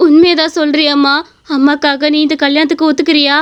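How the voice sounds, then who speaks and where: A woman's voice: sits high, flat delivery, quick pace, natural voice. A woman voicing an anxious middle-aged mother in a cartoon story, coaxing and pleading. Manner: pleading, persuasive. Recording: dull lo-fi recording.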